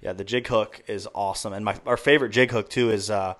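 A man's voice: fairly low pitch, fairly even intonation, fast, fairly bright tone. A man hosting a casual fishing podcast, easygoing and chatty, laughing often. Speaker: podcast host. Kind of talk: casual chat.

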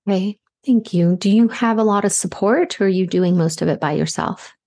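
A woman hosting a podcast, speaking softly and affectionately as she gives a guest an intuitive reading. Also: medium pitch. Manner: slow, soft-spoken, affectionate. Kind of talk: gentle reflective podcast talk.

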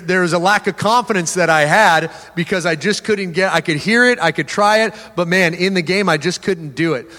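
A man's voice: high-pitched, bright, forceful tone. A man preaching a sermon, telling a story with self-deprecating jokes and frequent restarts. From Texas. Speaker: pastor. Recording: long hall reverb.

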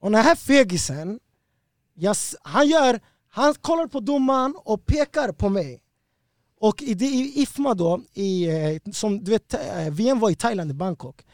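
Brief: high-voiced man, animated and slangy, dry close sound. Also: dry recording. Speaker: guest fighter. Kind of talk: casual storytelling.

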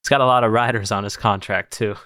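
A man's voice: fairly low pitch, fairly even intonation, fast talker, pushed and bright. A man co-hosting a comedy podcast, improvising a sketch in a grand, mock-presidential speechifying manner. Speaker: podcast co-host.

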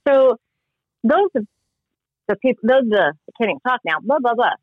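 A woman's voice: fairly high pitch, lively intonation, normal speed, no room sound, phone-quality sound. A woman speaking casually as a guest in a radio interview. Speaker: interview guest, spiritual mentor and biblical studies teacher.

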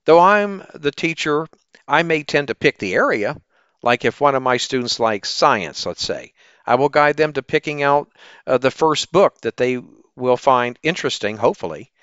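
A man speaking as a teacher and podcast host in an animated, upbeat, salesy presenting style, often posing questions to the listener. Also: medium pitch, normal speed, clear, resonant tone, no room sound, muffled recording. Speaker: teacher hosting an education podcast. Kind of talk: upbeat promotional ad pitch.

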